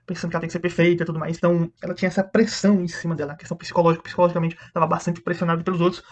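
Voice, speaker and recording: A man giving a casual, chatty recap of anime episodes, rapidly retelling the plot and quickly mimicking the characters' lines. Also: on the high side, little pitch movement. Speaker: anime reviewer.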